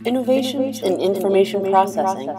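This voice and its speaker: A woman's voice: mid-range voice, brisk. A woman giving scripted educational narration in a formal, declarative way. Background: guitar music.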